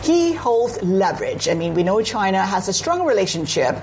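Woman from Singapore, news panel analyst, measured delivery, faint hiss behind. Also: medium pitch, sing-song, darkish tone. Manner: measured, frequent "I mean" asides.

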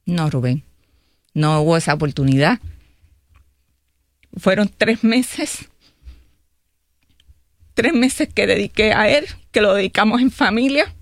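A woman's voice: medium pitch, dry recording. A Puerto Rican woman in her fifties, a mayoral candidate speaking earnestly in a studio interview and often checking in with "¿verdad?". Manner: earnest, fills pauses with "¿verdad?". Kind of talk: radio interview.

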